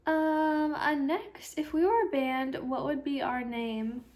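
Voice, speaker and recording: A sleepy woman hosts her own casual podcast, yawning through a rambling, filler-heavy chat. Her voice sits high and she talks slowly, drifting from thought to thought. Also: darkish tone. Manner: chatty, rambling, self-talk with fillers. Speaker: podcast host.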